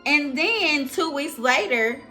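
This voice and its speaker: A woman's voice: high voice, animated, slow pace, sharp tone, faint music behind. A young woman vlogger in casual storytelling, chatting expressively and speaking straight to her viewers.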